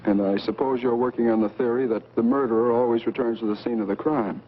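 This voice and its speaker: An actor playing a dismissive, self-assured young brother in 1940s B-movie style. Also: male voice, medium pitch, fairly even intonation, fast talker, lightly acted. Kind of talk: 1940s B-movie film acting. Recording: muffled, noisy vintage film soundtrack.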